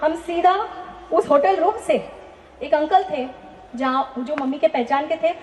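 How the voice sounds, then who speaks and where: A woman's voice: high voice, measured pace, a little mellow, slight background noise. A woman giving a personal testimony in a church talk, telling her story earnestly and asking the listeners rhetorical questions. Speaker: testimony speaker. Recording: echoey, dull lo-fi hall recording.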